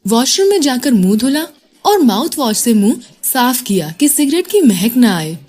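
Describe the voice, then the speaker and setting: A woman narrating a love story in an expressive storytelling voice. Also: a little high, moderate pace. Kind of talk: scripted narration.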